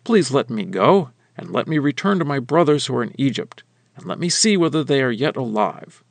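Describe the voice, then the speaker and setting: A man's voice: mid-range voice, big pitch swings, moderate pace, vocal fry, no echo. A man voicing a reluctant male prophet who pleads and hesitates. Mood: pleading.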